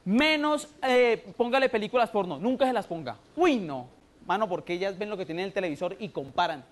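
A man with a Colombian accent doing a loud, rowdy stand-up routine and acting out the people in his jokes. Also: sits high, animated, fairly quick, slight background noise. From Huila, Colombia. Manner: loud, rowdy, acts out quoted voices. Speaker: stand-up comedian. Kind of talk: stand-up routine on TV comedy show.

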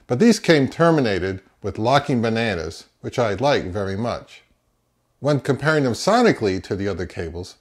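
With a medium-pitched, darkish voice, a man aged roughly 50 to early 60s, who hosts an audio gear channel, gives a relaxed product review directly to camera.

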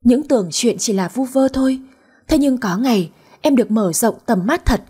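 A woman narrating a radio story in a gentle, even tone, reading every character's lines herself. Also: a little high, normal speed, breathy edge.

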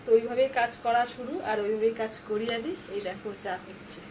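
A woman's voice: fairly high pitch, steady tone, a little fast, noisy background. A woman chatting casually to her viewers while doing chores at home. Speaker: vlogger. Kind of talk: casual daily vlog talk to viewers. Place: home, indoors.

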